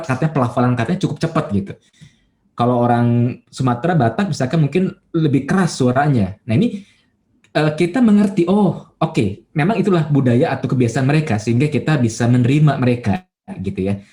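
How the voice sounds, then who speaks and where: Mellow-voiced man giving a casual church talk. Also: fairly high pitch. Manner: conversational, many fillers and folksy asides; acts out everyday quotes in a livelier voice. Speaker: pastor. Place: church online service.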